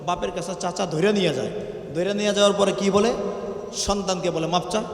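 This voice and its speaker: Male waz preacher, high voice, call-and-response, long PA reverb. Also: steady tone, a little fast, vocal fry. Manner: call-and-response with crowd, sung Quran verses. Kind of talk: Bengali waz sermon. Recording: echoey open-air venue PA.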